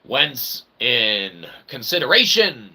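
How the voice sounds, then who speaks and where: Speaking slowly in a creaky, sharp, slightly rough mid-range voice with big pitch swings, a man gives a rambling monologue alone. He's an independent channel host and developer, and his wordy, mock-formal delivery features theatrical emphasis and repeated emphatic tags. Background noise is noticeable.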